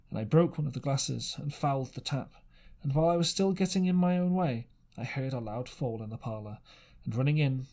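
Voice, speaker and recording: This man has a mid-range voice with a darkish tone. He narrates an adventure novel as an amateur audiobook reader, stumbling now and then, misreading words and going back to fix them.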